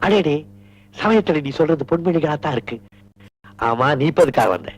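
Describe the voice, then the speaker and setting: A man's voice: a little high, animated, moderate pace, breathy edge, rough recording. An actor playing an indulgent, teasing father of grown daughters, with playful, theatrical scolding in 1980s film dialogue.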